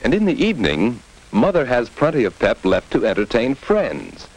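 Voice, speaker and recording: A man narrates in the style of a 1950s educational film, speaking straight to the viewer. His voice sits fairly low and moves with animated intonation. The delivery is scripted and instructive, on an old film soundtrack. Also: rough recording. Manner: instructive, addresses the viewer directly. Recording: vintage mid-century film soundtrack.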